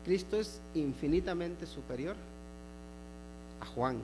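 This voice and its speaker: A man preaching a sermon in a church, emphatic, slowing on key phrases and dropping to soft asides. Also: fairly high pitch, animated, noisy background. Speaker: pastor. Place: church sanctuary.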